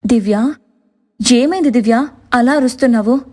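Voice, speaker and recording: A woman voicing a kind, meek young wife in a cartoon, speaking softly and gently. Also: a little high, normal speed, close to an everyday voice. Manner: gentle, soft-spoken, pleading. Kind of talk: cartoon voice acting.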